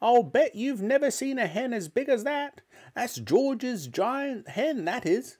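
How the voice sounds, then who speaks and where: A shrill cackling old granny. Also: male voice, big pitch swings, slow pace, exaggerated voice. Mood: gleeful shouting. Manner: shrieking falsetto shouts.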